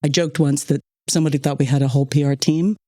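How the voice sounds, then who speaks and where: A woman's voice: deep voice, steady tone, fast, dark tone, no room sound, studio quality. A woman hosting a podcast in casual chat, talkative and grateful, laughing often between thoughts. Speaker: podcast host and producer. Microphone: studio microphone.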